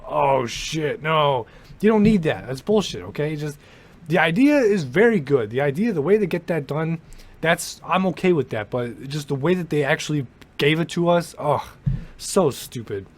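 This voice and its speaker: A man's voice: fairly high pitch, animated, moderate pace. A young man giving a casual, rambling rant about a movie, with swearing and lots of restarts. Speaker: movie commentator. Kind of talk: casual ranting movie commentary.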